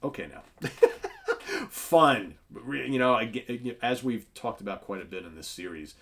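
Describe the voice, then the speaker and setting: A man's voice: mid-range voice, expressive, normal speed, fairly bright tone. A man hosting a casual comic book review, retelling the plot in a chatty, sarcastic way.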